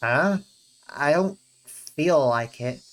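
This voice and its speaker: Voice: medium pitch, lively intonation, extremely slow, a bit bright. A reader as teen schoolboy Keiichi. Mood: plain. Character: ordinary teenage schoolboy Keiichi. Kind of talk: reading a visual novel aloud.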